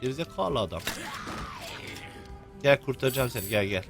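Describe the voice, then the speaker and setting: A man's voice: mid-range voice, lively intonation, normal speed, music in the background. A young man commenting on a video game while he plays, joking and cursing at the characters. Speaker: gameplay commentator. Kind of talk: let's play commentary.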